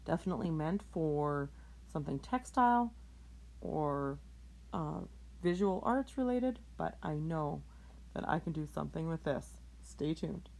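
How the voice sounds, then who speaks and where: A woman's voice: deep voice, expressive, unhurried, creaky, darkish tone. A woman hosting a late-night solo podcast, tired and yawning, rambling in a chatty, self-deprecating way. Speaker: podcast host. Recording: home recording, phone held up for clip.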